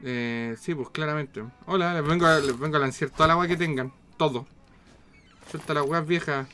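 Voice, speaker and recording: A man with a Chilean accent giving casual, slangy, foul-mouthed and excitable commentary as he streams a video game. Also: on the high side, normal speed, smooth. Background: game music.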